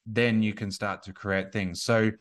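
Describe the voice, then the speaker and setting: A man's voice: fairly low pitch, flat delivery, measured pace. A man in his thirties, a podcast guest and business coach, talking casually and rambling with many restarts and fillers. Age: 30s.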